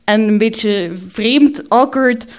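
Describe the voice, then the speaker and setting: Halting Flemish woman telling her story. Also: a little high, smooth. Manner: candid, halting, with frequent hesitations. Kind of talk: personal storytelling.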